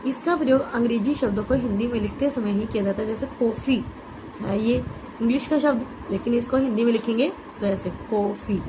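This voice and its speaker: Give me a woman teacher with a somewhat high voice, spelling out letters patiently in an exam-prep lesson. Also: background noise. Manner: explains patiently, repeats "okay" often, spells out letters slowly.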